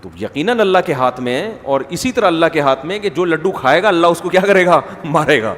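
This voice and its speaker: Male preacher, fairly high voice, animated joking delivery, reverberant hall. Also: a little hiss or hum. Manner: animated storytelling with jokes and rhetorical questions. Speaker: religious scholar. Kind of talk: humorous Urdu religious talk.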